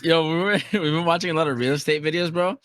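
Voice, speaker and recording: A man's voice: on the high side, fairly even intonation, quick pace, fairly bright tone, no room sound, studio quality. A young man co-hosting a podcast in casual chat, laid-back and slangy, tossing in "bro" often. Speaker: podcast co-host.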